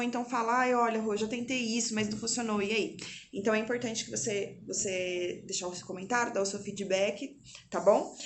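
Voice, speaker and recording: A woman's voice: medium pitch, slight background noise. A woman from Brazil giving casual parenting tips to her phone camera at home, chatty, asking and answering her own questions. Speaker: parenting vlogger. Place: home, indoors.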